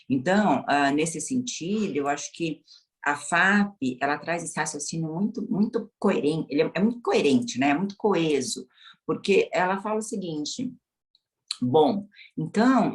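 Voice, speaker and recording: A woman with a Brazilian Portuguese accent, a psychotherapist explaining her approach on a podcast, often checking in with tag questions. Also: sits low. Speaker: psychotherapist guest.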